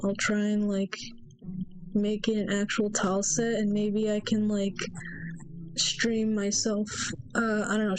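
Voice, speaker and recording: A young woman streams her solo game development, chatting casually and hesitantly with lots of fillers and thoughts that trail off. Her nose is stuffy and her throat sore, and her voice is medium-pitched and darkish. Faint music plays behind her.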